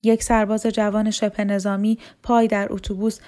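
Woman narrating a novel in steady tones. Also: medium pitch. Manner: steady, measured reading. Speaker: storyteller.

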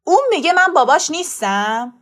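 A woman reads the part of a middle-aged father who bristles at every remark, heated and defensive, his voice climbing louder. The voice sits high and bright for a man. It is a storybook reading, not a radio play. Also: expressive. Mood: angry.

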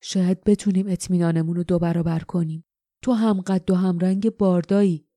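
A woman voicing a stern, grim male rebel leader in an audiobook, speaking in a low, gruff, commanding way. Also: steady tone, warm tone, no room sound, clean studio sound, lightly acted. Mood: scheming. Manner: commanding, plotting. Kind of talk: audiobook character voice.

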